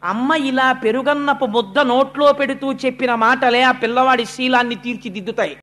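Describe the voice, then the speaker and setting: A man's voice: very high-pitched, fairly even intonation, brisk, bright, forceful tone. A man giving a devotional sermon, telling a sacred story dramatically and acting out the characters' speech. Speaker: religious discourse speaker.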